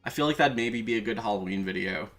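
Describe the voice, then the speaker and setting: A man whose voice sits on the low side, fairly bright in tone, talks at a quick pace while chatting casually on a livestream. As an enthusiastic fan, this streamer and video creator swears now and then, with music behind his voice.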